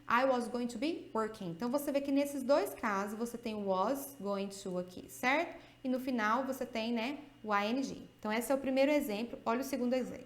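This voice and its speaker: A woman with a Brazilian Portuguese accent teaching an English grammar video lesson, explaining step by step and checking in often with her students. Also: a little high. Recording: echoey room.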